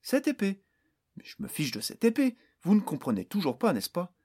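A young human hero talks back to a powerful enemy with calm, slightly mocking confidence, as a male audiobook reader plays him. The voice is husky and even, never rattled. He sounds certain he cannot lose. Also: medium pitch, moderate pace.

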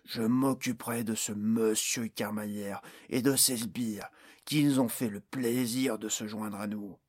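A towering, bad-tempered orc boss barks and snarls his threats in a husky, raised voice, put on by a male audiobook reader. He sounds domineering and sure of his own power. The voice keeps a menacing, storybook-villain tone. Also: on the low side, steady tone, measured pace, a little mellow. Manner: snarling, menacing, bellowing orders.

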